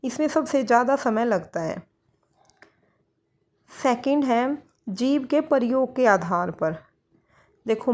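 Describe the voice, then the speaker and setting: A woman teaching a grammar lesson for exam students, posing questions and answering them herself, with English words mixed in. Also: a little high. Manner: mixes English words into Hindi.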